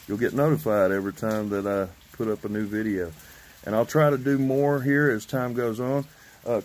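Audio quality is poor as a man in his fifties, medium-pitched, holds his phone at arm's length on a covered outdoor porch and vlogs. His chat is casual and meandering, not very organized, with steady noise in the background.

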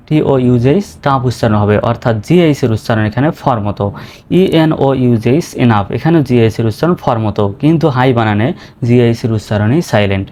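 A male teacher with a Bangladeshi accent giving a pronunciation lesson. He spells each word out letter by letter, then says it slowly and clearly. His pitch sits at an ordinary middle, with a faint hiss of noise behind him. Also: darkish tone. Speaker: English teacher.

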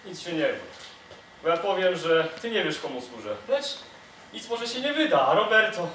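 Guy doing a tight-lipped servant in disguise, lively voice, far off on an echoey stage. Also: high-pitched, moderate pace, a little hiss or hum. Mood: evasive. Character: loyal young servant disguised as gardener. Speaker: student actor. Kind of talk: stage comedy acting.

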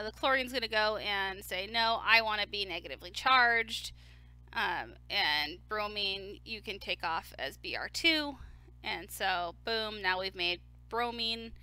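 A woman delivers a recorded chemistry lecture, walking through each step in a relaxed, conversational way. Her voice is bright and forward, and the sound is dry and close with no room echo. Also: medium pitch. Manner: casual, explains step by step with fillers.

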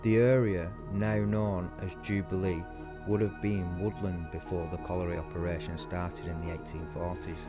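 Deep-voiced man narrating over music. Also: little pitch movement, normal speed, muffled recording. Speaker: urban explorer host.

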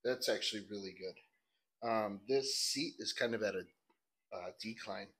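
Man, lowish voice, casual workout vlog talk from a garage gym, coaching himself. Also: a little slow, fairly bright tone. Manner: coaching himself, grunting through hard sets. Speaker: bodybuilder training in a gym.

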